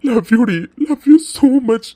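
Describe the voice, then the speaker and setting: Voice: medium pitch, brisk, mellow, no room sound, lightly acted. A performer voicing a devoted young husband in a cartoon love story, coaxing and emotional, at times crying. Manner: coaxing, then breaking into tears. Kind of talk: cartoon voice acting.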